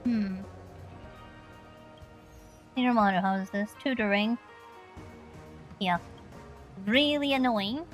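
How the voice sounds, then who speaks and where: A woman's voice: mid-range voice, drawn-out words, long pauses, soft background music. A woman giving casual commentary as she plays through a game.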